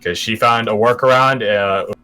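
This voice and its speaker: A man narrating a tabletop game as game master, moving between dramatic, drawn-out description and casual asides. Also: on the low side, fairly even intonation, pushed and bright, clean tone.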